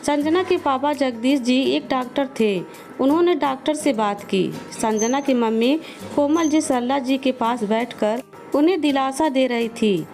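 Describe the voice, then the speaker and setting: A woman narrating a family drama story in a plain, even scripted reading. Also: high voice, a little slow, vocal fry, faint music behind.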